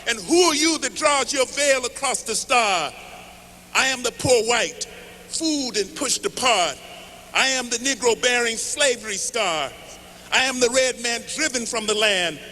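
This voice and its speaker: A man reciting poetry as an impassioned rally speech, declaiming in measured phrases. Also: extremely high pitch, expressive, sharp tone. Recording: noisy large hall with long reverb.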